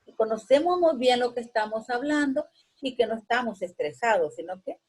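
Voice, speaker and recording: A woman's voice: on the high side, expressive, moderate pace, darkish tone, slightly rough, rough recording. A woman teacher explaining a lesson patiently with everyday examples, often tagging her sentences with a questioning check and hesitation fillers. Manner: keeps adding a questioning tag, with frequent hesitation fillers.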